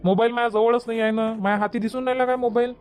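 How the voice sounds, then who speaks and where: Actor as fast, offhand Varhadi cartoon youth. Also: medium pitch, fairly even intonation, darkish tone, clean tone, lightly acted. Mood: defensive. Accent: Varhadi Marathi. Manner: offhand, excuse-making. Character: young village man, offhand and defensive. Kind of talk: cartoon comedy voice acting.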